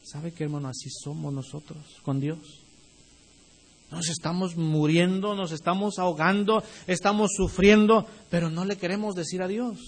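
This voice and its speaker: A man preaching to his congregation in a somewhat husky, higher-pitched voice. He swings between quieter storytelling and climbing, emphatic exclamations. He keeps addressing the people in front of him directly. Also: fairly even intonation, normal speed. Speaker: pastor. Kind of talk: sermon.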